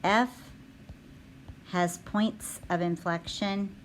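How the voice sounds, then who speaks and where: A woman teaching a recorded math lesson, talking her students through the steps out loud with frequent ums. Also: medium pitch, steady tone, extremely slow, slight background noise, low-quality recording. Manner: thinking aloud with frequent ums.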